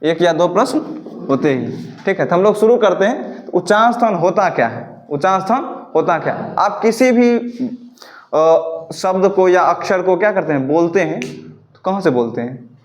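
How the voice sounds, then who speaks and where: A man teaching a classroom grammar lesson, asking a question and answering it himself, and slowing down to dictate notes. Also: high-pitched, expressive. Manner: repeats questions and answers in call-and-response; slow, dictating pace for note-taking. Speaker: Sanskrit teacher.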